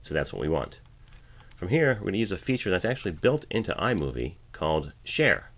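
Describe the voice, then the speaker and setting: This man's low voice swings widely in pitch, has a fairly bright tone, and runs a little fast. Seated at the editing station in his home voiceover studio, he narrates a tutorial screencast, talking through each step in a relaxed way as a voiceover artist.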